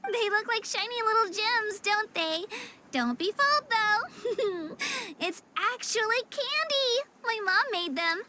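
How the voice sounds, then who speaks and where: With game music playing behind her, a young woman voices an upbeat, helpful girl guide in a video game, cheerful and friendly as she chattily and eagerly explains things. Her very high-pitched voice is animated, pushed and bright, at a slow pace and heavily acted. A little hiss or hum can be heard.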